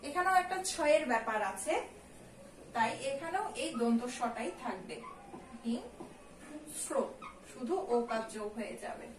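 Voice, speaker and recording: A woman, a college teacher, giving a recorded lesson. She explains slowly, step by step, and keeps checking in with her students. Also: a little high, animated. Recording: echoey room, distant mic, faint ambient noise.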